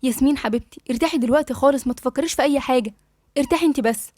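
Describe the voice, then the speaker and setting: A woman's voice: high-pitched, very fast, a little mellow, no echo, clean studio sound. A woman with an Egyptian accent voicing an affectionate, coaxing young woman friend in an audiobook. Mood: soothing. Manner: coaxing and teasing. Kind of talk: audiobook dialogue reading.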